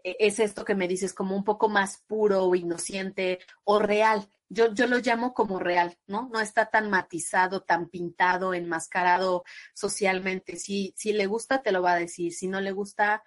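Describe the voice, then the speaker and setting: A woman with a Mexican accent, a psychologist guest on an interview podcast, explaining at length in a conversational way and bringing in quoted voices with lively pitch jumps. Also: moderate pace.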